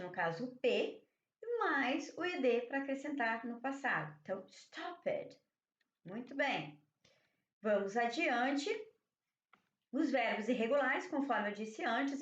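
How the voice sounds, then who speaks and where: A woman teacher giving a slow, patient review lesson, often checking in with "ok?". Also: a little high. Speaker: English teacher. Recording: echoey, slightly dull room audio.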